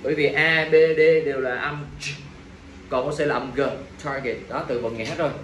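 A man's voice: medium pitch, fairly quick, a bit bright. A male teacher running an exam review lesson, drilling his students with constant check-in questions in a classroom. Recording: echoey room, mic at a distance, faint ambient noise.

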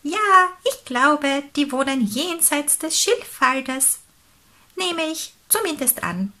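A woman voicing a strong, helpful pelican in a children's storybook, talking loudly and heartily. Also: high-pitched, big pitch swings, takes it slowly, pitched above the performer's own voice, heavily acted. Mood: hearty. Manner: loud, bright and hearty.

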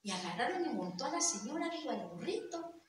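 A woman telling a folk tale in a lively, playful way, acting out voices and laughing often. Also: high-pitched, fast. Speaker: storyteller. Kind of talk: animated folk-tale storytelling. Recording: very echoey, from a distance, faint noise.

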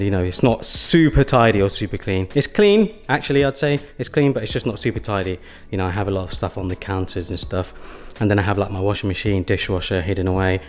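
A man casually walking through his home, chatting in a relaxed way with lots of "sort of" and "you know", recorded on a handheld camera indoors. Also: on the low side. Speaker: home tour vlogger. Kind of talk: casual walkthrough narration. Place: small rooms of a house, indoors.

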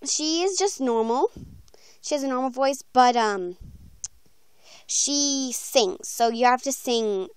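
Speaking slowly and leaving long pauses, a young woman with a high voice announces voice auditions in an informal, slang-filled vlog. The sound is clear and resonant without echo, captured on a handheld phone close by in her bedroom.

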